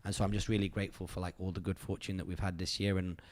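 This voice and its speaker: In this casual, reflective podcast chat, a host from the United Kingdom talks very fast in a deep voice with flat delivery. He reflects on his year in an earnest, rambling way full of fillers.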